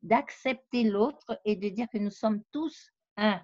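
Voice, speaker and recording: A woman's voice: medium pitch, slow, a little mellow, no room sound. A woman researcher and novelist, interviewed, explaining her ideas at length with frequent hesitations. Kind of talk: conversational interview. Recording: dull lo-fi dry sound.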